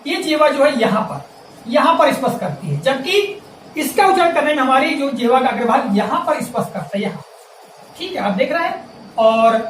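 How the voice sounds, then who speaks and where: A man teaching a grammar lesson, carefully spelling out sample words with deliberate, emphatic enunciation. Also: very high-pitched, fairly bright tone. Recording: echoey room, voice from a distance, faint ambient hiss.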